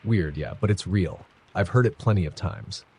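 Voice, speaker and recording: Man playing a menacing middle-aged trucker in a horror audiobook, husky low drawl. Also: animated, moderate pace, darkish tone, exaggerated voice. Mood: ominous.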